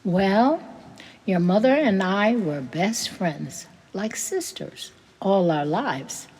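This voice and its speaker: A woman voicing a grieving older immigrant farm woman, telling old family memories in a gentle, tearful way. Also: mid-range voice, animated, slow pace, breathy edge, big-room sound. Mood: wistful.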